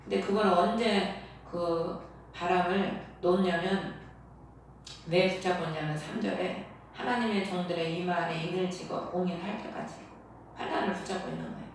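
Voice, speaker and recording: A woman's voice: fairly low pitch, fairly even intonation, moderate pace, slight background noise. A woman pastor preaching a sermon earnestly and asking the congregation rhetorical questions. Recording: echoey hall, voice from far off.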